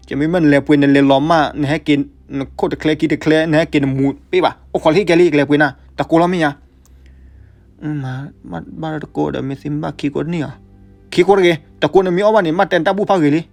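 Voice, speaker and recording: Fast gravelly male storyteller. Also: a little high. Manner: lively, swings between loud outbursts and hushed asides. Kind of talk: folk storytelling.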